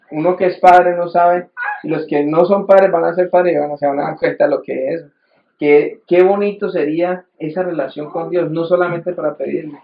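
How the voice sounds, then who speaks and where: A man's voice: fairly high pitch, reverberant, highs cut off. A man preaching a sermon in a conversational way, often restarting sentences and acting out quoted voices. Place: church hall.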